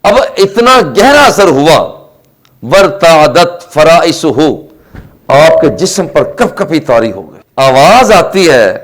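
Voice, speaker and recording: Impassioned Pakistani preacher, high-pitched man. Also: low-quality recording. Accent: Pakistani Urdu. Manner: impassioned oratory, chanting Arabic quotations slowly. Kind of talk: Friday sermon.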